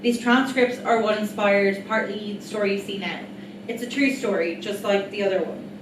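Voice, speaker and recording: A woman's voice: medium pitch, fairly even intonation, normal speed. A woman giving a rehearsed reading of an autobiographical stage monologue, speaking earnestly and reflectively, straight to her audience. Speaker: writer-performer of an autobiographical solo play. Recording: echoey, distant mic, noisy room.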